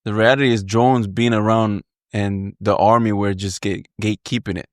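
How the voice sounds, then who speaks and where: A man talking as a roundtable guest in a relaxed, candid, easygoing way. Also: on the low side, normal speed, no room sound, clean studio sound. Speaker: guest, Arabic school founder. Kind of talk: casual roundtable chat.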